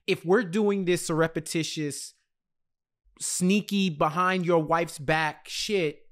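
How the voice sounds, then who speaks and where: Recorded close up on a big podcast microphone in a small home studio, this thirty-something American co-host recaps TV casually, slowly and emphatically, repeating phrases to drive his point home. His voice is slightly high and a bit bright, with fairly even intonation.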